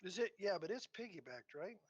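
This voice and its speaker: A man on a voice chat, chatting quickly and teasingly with the host. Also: high voice, sing-song, slightly rough, no room sound. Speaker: caller on voice chat. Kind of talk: casual chat. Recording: dull lo-fi voice chat audio.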